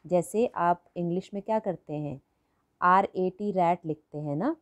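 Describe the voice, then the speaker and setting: A woman's voice: on the low side, a little slow. A woman teaching a primary school lesson, patient, repeating each word and asking the class questions. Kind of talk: slow classroom lesson for children.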